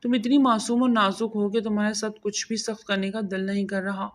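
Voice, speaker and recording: A woman's voice: medium pitch, little pitch movement, close to an everyday voice. A woman reading as a brooding, domineering husband. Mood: intense.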